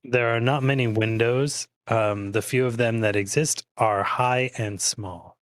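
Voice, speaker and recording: A man's voice: mid-range voice, steady tone, a little slow, dry recording. A young man serving as game master, speaking in a mid-range voice with a dry, close sound. He describes scenes and rules matter-of-factly, with the odd curse. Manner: matter-of-fact rulings with casual swearing. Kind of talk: narrating a tabletop game.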